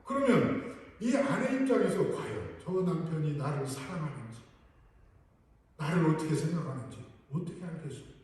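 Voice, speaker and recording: A man's voice: a little high, darkish tone. A male pastor preaching a sermon earnestly and putting rhetorical questions to his congregation. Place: large church sanctuary. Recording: echoey hall, voice from far off.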